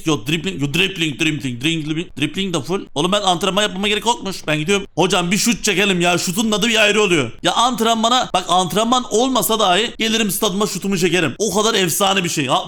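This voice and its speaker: High, bright-voiced young male gamer. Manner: excitable, joking, playful slang. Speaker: gaming video host. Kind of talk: casual let's-play commentary.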